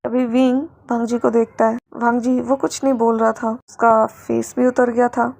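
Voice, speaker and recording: A woman storyteller narrating fan fiction in a lively, dramatic reading. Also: a little high, moderate pace, gravelly.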